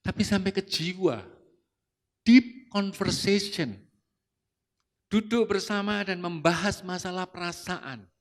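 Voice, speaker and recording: A man preaching at a church service about marriage, telling a personal story in a lively, anecdotal way. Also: sits high, slow, pauses often. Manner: lively anecdotal preaching, rising to loud retorts when quoting himself. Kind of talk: sermon with storytelling.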